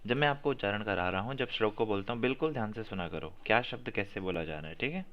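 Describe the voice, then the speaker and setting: A man's voice: fairly low pitch, animated, fast, a little hiss or hum. A man teaching a class on chanting, correcting pronunciation by repeating verses and stressing syllables. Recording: muffled lo-fi audio.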